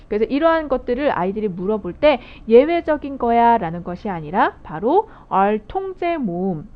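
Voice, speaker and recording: A woman giving a recorded phonics lecture to teachers, explaining rules step by step and asking her viewers questions. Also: medium pitch. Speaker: phonics instructor training teachers. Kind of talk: video lecture. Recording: dull lo-fi audio.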